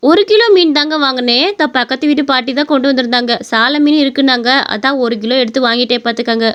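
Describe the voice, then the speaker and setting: Quick, high-voiced young wife pleading with her miserly husband, voiced by a woman. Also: fairly bright tone. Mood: cheerful. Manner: pleading, exasperated.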